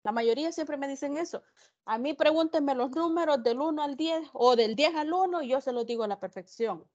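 A woman's voice: high voice, a little fast, darkish tone, highs cut off. A woman teaching an English class online, explaining patiently and repeating the numbers. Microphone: video call.

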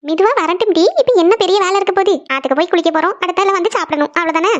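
A bossy cartoon aunt who nags the kids to hurry up. The tone is high and clipped, the talk quick. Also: female voice, muffled recording. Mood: impatient. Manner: chiding, impatient. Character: bossy aunt rounding up children. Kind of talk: cartoon voice acting.

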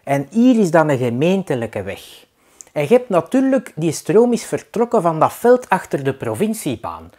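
A high, whiny Flemish alderman, as a comedian puts him on, who insists that nothing is his job. His voice climbs well above the performer's own as he argues his case in a pleading, insistent way. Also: very animated, normal speed, dark tone. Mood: evasive. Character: evasive male municipal alderman, bureaucrat passing the buck.

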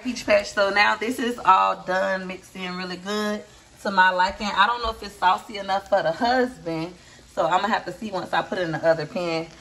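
With a medium-pitched, slightly bright voice, a woman chats in a folksy, easygoing way to her viewers as Peach Patch. She's a cooking vlogger filming a casual video in her home kitchen while stirring a pot.

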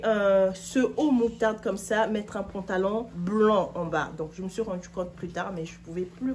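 A woman's voice: fairly low pitch, noisy background. Chatty woman reviewing outfits on camera. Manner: chatty, opinionated, addresses viewers directly. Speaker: fashion vlogger. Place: living room, seated on a couch.

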